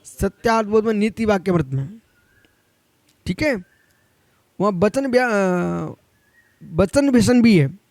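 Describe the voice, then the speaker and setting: High-voiced man preaching a stern sermon. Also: animated, slow, long pauses, darkish tone, no echo. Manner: admonishing, addresses listeners directly. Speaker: Jain monk.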